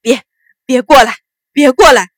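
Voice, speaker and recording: A woman voicing a captive nobleman who shouts, curses and stammers in panic. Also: high voice, unhurried, no echo, studio quality. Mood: terrified.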